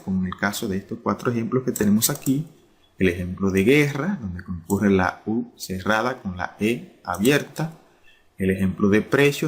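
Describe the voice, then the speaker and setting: A male teacher giving a spelling lesson, speaking deliberately and repeating key terms. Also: mid-range voice, husky. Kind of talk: slow explanatory lesson.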